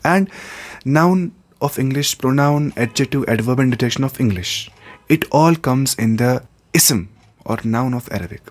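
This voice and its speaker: A man's voice: medium pitch, lively intonation, normal speed. A man teaching an introductory grammar lesson, repeating terms and examples and glossing each one in English. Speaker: Arabic teacher.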